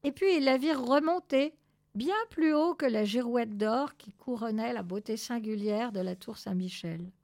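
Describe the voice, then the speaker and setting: A woman reading a children's novel aloud in an expressive, measured way. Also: a little high. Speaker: storyteller.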